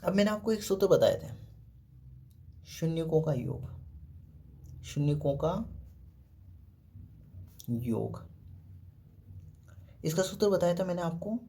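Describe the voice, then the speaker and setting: Man, math teacher, dark mellow voice, explains step by step, asks and answers his own questions. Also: on the high side, animated, slow pace, pauses often. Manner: often says "ठीक है" and "देखो". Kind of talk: blackboard math lesson.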